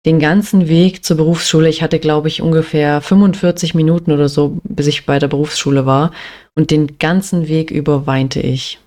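A young adult vlogger from Germany tells a personal story at an ordinary pitch. The delivery is plain and matter-of-fact, with casual fillers running through it. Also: steady tone, normal speed, a little mellow.

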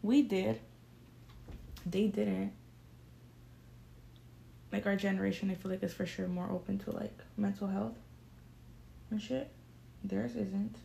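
A woman's voice: mid-range voice, steady tone, slow, creaky, pauses often, mellow. A young woman co-hosting a casual podcast chat, talking with lots of fillers and bits of slang. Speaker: podcast co-host. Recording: echoey room with faint noise.

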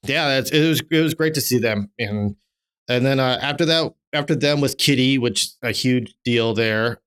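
Smooth-voiced man rambling through casual chat. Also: medium pitch, moderate pace, fairly bright tone. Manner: rambling, restarts often, swears casually. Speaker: podcast co-host.

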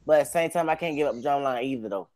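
A man's voice: mid-range voice, fast talker, a little mellow. An American man in a casual podcast debate, reasoning aloud in colloquial speech.

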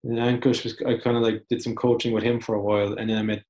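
A man's voice: mid-range voice, little pitch movement, fast talker, darkish tone. A young man talking in a loose, reflective way during a casual interview. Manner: reflective, loose, many restarts and "like". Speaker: podcast guest.

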